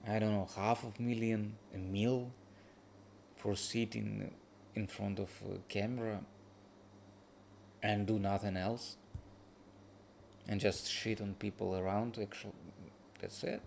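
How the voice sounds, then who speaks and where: A tired man chatting casually as he reacts to a video, in halting, drifting phrases. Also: lowish voice, level tone, gravelly, darkish tone, slight background noise. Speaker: streamer reacting to a video review. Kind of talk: casual late-night reaction chat.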